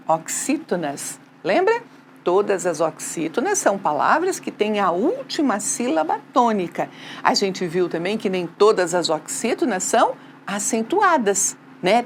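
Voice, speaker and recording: A woman's voice: on the high side, a little hiss or hum. A Brazilian woman teaching a remote school lesson, asking the class questions and answering them herself, with frequent tag questions. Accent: Brazilian Portuguese.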